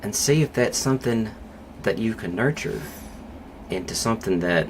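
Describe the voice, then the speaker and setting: Male podcast guest, psychologist type. Very low, deep register. Measured, reflective delivery. Steady noise under the voice. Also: rough recording. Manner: thoughtful, measured, with pauses and fillers. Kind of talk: podcast interview conversation. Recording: clear background noise.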